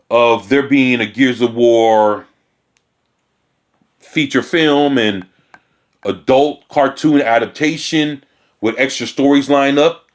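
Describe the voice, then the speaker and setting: A video commentator at an ordinary middle pitch reacts casually to a news piece, reading parts aloud before breaking in with blunt, profane opinions. His unscripted rant is loose, and he often trips over and restarts his sentences.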